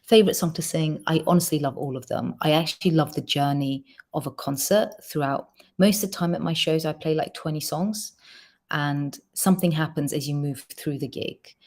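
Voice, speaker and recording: A woman singer from Georgia, Georgian being her first language, answers fan questions she reads aloud on a laid-back livestream. She has a low, slightly mellow voice and a quick, chatty delivery packed with ums.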